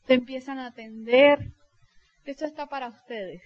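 A woman's voice: high voice, fairly even intonation, normal speed, lo-fi sound. A middle-aged woman speaking to her sales team as a leader, telling personal stories in a heartfelt way and acting out quoted dialogue. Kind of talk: motivational testimonial talk.

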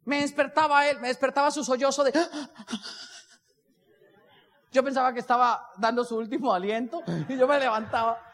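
A man's voice: very high voice, steady tone, fast, hardly any pauses, fairly bright tone, in a large hall. A man with a Colombian accent giving a live motivational talk, telling his story, acting out the dialogue and asking the audience questions. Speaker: motivational speaker.

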